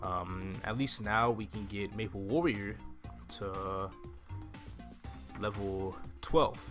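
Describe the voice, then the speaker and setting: A young adult man hosts a gaming video, talking through a game in a relaxed, casual way as if thinking aloud. His voice sits lowish and moves slowly. He's close to a desk microphone, with game music behind him.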